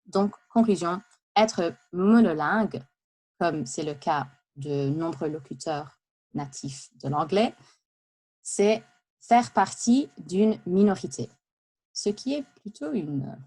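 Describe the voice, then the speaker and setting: A woman delivers a prepared talk in a fairly low voice. She sounds lively and conversational, drifting into asides and small hesitations as she goes. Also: husky. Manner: lively, chatty, with asides and laughs. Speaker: speaker giving a practice talk. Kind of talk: prepared speech for interpreting practice.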